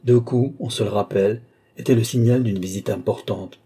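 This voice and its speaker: A man reading a classic novel aloud as an audiobook narrator, in a measured literary manner. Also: lowish voice, steady tone, mellow, husky.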